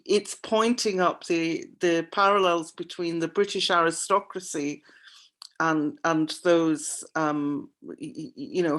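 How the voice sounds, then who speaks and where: A woman chairing an academic panel discussion over a video call. She stammers and repeats words often, and her voice is going hoarse. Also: low voice, fairly bright tone. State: losing her voice.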